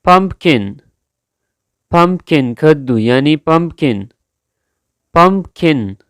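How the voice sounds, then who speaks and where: Slow, deliberate male teacher. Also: on the high side, lively intonation, a bit bright, no room sound, studio quality. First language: Urdu. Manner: drawn-out, careful pronunciation drills. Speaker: English vocabulary teacher. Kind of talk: slow vocabulary lesson, repeating each word.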